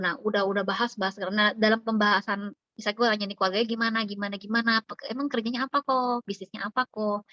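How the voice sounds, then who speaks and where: A woman's voice: medium pitch, pushed and bright, dry recording, lo-fi sound. A woman coaching her insurance agent team in an emphatic, slangy, direct way. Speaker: insurance agency trainer. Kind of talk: team training talk.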